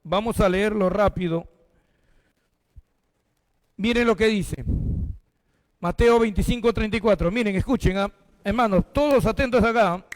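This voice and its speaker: High-voiced Peruvian pastor preaching in a hall. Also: male voice, a little slow, pauses often. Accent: Peruvian Spanish. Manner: addresses the congregation directly, reads scripture aloud. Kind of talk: sermon.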